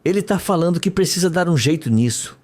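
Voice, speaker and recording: Speaking fairly quickly and expressively, a man raises his voice above its natural pitch, landing on the high side but still close to ordinary speech, with a slightly mellow sound. He reads a frightened young woman's hypnotic recollection, dreamy and shaking, for a read-aloud soap recap. The mood is tense.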